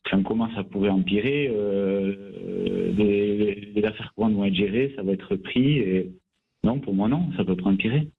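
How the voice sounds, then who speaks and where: A man's voice: lowish voice, moderate pace, creaky, slightly rough. A man calling in as a rugby club president guest, speaking hesitantly with many fillers and restarts. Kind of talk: phone-in radio interview. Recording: tinny phone line.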